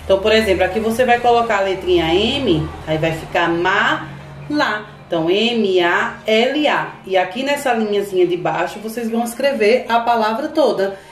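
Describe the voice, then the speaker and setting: A Brazilian kindergarten teacher talks to small children in a patient, sing-song way and sounds words out slowly. Her voice sits at a middle pitch. The room is echoey, with faint music underneath. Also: expressive. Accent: Brazilian Portuguese. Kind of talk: slow, clear online lesson for young children.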